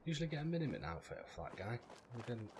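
A man's voice: mid-range voice, sing-song, fast. A man giving casual gameplay commentary, informal and sweary, thinking aloud as he goes. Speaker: gaming video host. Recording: clearly noisy background with clicks.

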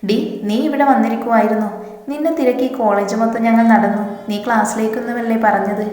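A woman's voice: fairly high pitch, fairly even intonation, fast, darkish tone, natural voice. A woman reading as a bossy young college girl. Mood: insistent. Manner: scolding, insistent. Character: bossy caring young female college friend. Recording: echoey reverberant hall with music.

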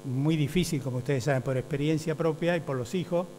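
A teacher trainer lectures to teachers, explaining step by step, often checking with "¿ve?" and acting out quoted voices. His voice is fairly high, brisk and darkish. The recording has a hum and long hall reverb.

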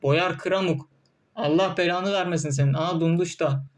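A man's voice: a little high, moderate pace. A young man doing casual gameplay commentary, often frustrated, cursing and barking orders at his troops. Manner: frustrated, swearing, talking to game troops.

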